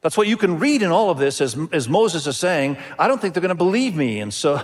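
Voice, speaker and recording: A man's voice: a little high, very animated, brisk. A middle-aged man who grew up in Indonesia, preaching a sermon to his church in an earnest way, often repeating phrases and calling out to the congregation. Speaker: pastor.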